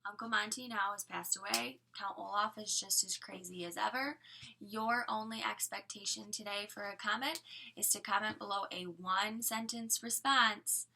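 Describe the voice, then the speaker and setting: A woman's voice: mid-range voice, moderate pace, creaky, pushed and bright, slight background noise. A woman teacher reading a chapter book aloud to her students with friendly, encouraging asides.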